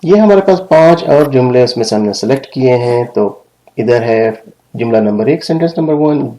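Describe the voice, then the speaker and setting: A man teaching English phrases in a lesson, acting out examples with lively emphasis. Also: medium pitch, poor audio. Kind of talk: language lesson explaining phrases.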